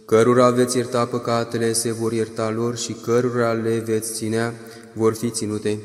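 A male reader voicing a calm, authoritative adult male teacher in a solemn, measured liturgical reading. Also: mid-range voice, echoey room, in a large hall, faint music behind, close to an everyday voice. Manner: solemn, measured, partly chanted.

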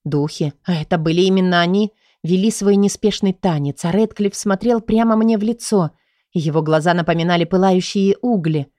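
Low-voiced woman reading an audiobook. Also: a little fast, mellow, dry recording, clean studio sound. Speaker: audiobook narrator. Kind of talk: first-person audiobook narration.

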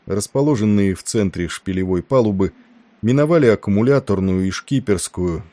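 Deep dark-voiced guy reading an audiobook, steady and measured. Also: dry recording. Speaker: audiobook narrator. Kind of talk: scripted narration.

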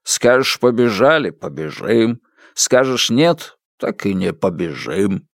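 A man voicing a meek older peasant father who speaks in a low, sour mumble. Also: sing-song, takes it slowly, gravelly, no echo, studio quality, full character voice.

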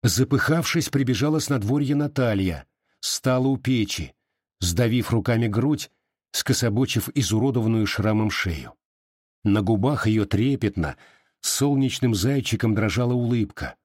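A man narrates a literary novel as an audiobook, measured and expressive. His mid-pitched voice has a husky edge. The recording is dry and close, with no room sound. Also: dry recording.

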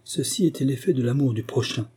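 A man reading a first-person memoir aloud, in measured, even storytelling. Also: medium pitch, breathy edge. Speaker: audiobook narrator. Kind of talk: scripted narration.

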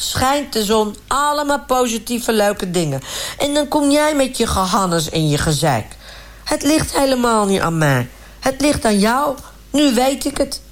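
A woman voicing a chatty, self-righteous middle-aged village man who rambles indignantly in a comic radio sketch. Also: on the high side. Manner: rambling, indignant, repeats "hartstikke" and "gewoon".

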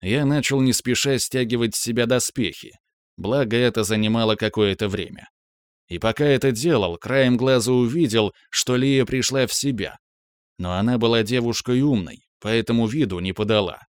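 A man narrating a first-person fantasy audiobook in a steady storytelling manner. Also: medium pitch, moderate pace, smooth, no room sound.

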